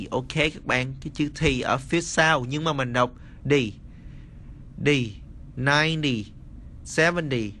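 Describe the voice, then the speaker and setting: A man gives a casual spoken lesson at an unhurried pace, repeating each word and checking often that the listeners follow. His voice is bright and sits a little high for a man, with a faint hum of the room behind him. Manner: slow, repeats words, addresses viewers as friends. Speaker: English teacher.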